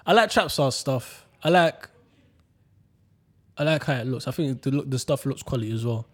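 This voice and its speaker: A man's voice: medium pitch, moderate pace. A young man with a London accent, chatting casually in slangy roadman talk. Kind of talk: casual chat.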